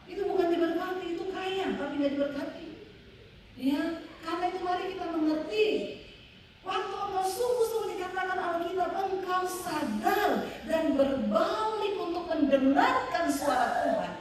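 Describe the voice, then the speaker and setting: A woman pastor preaching an animated sermon, telling stories and calling out to the congregation. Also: very high voice, normal speed, a little hiss or hum. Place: large revival hall. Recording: echoey hall, mic at a distance.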